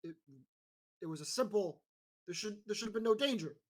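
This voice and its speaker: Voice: medium pitch, expressive, a little fast, voice pushed up, natural voice. A game master voicing a shaken male noble who stammers urgently about a death. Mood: alarmed. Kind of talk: tabletop role-play voicing.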